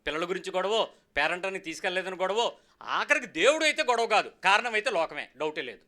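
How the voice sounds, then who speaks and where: A man preaching in a church, talking fast in a high, bright voice. He keeps firing questions at his congregation to drive each point home. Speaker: pastor. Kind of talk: sermon.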